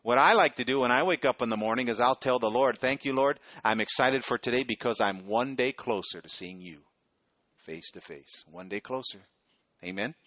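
This middle-aged pastor talks through his sermon conversationally, regularly checking on his listeners with "okay?" He has a mid-range voice, normal speed, and a fairly bright tone, with no echo.

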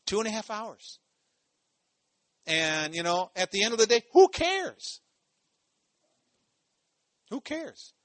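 A man's voice: high voice, very animated, slow pace, long pauses, no echo. A man from Ohio preaching a sermon in a loose, conversational way, full of "you know" asides and phrases repeated for emphasis. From Ohio, USA.

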